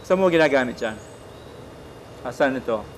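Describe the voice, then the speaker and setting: A man, a priest giving a casual spiritual talk, gentle and teaching, often checking in with his listener. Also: mid-range voice, lively intonation, moderate pace, a little hiss or hum.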